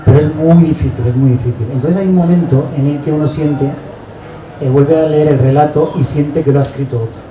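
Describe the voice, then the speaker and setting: A man in his forties from Barcelona with a Spanish accent from Spain, an author presenting his book in a reflective, halting way that often tags sentences with a questioning "no". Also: fairly high pitch, steady tone, warm tone. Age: 40s. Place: book fair hall. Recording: echoey hall, distant mic, background noise.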